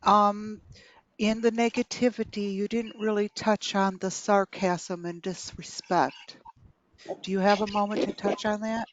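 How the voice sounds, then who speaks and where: Slow, measured woman in a class. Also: mid-range voice, little pitch movement. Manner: slow and measured, gently advising. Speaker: training participant. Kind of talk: class discussion. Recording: dull dry lo-fi audio.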